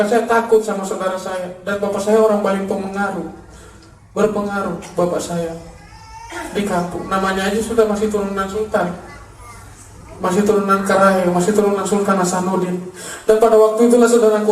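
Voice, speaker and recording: This high-voiced man was once a gangster in Makassar, Indonesia, and now passionately preaches his testimony. Over and over he calls listeners "saudaraku" (brother), and the distant mic makes the recording reverberant.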